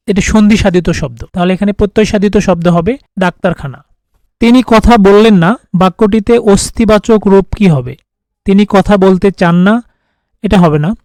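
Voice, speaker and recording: High-voiced man teaching grammar, dry sound. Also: no echo, rough recording. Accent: Bangladeshi Bengali. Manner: steady, methodical, reads out answer options one by one. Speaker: teacher solving exam questions. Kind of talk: recorded lesson, reading questions and explaining answers.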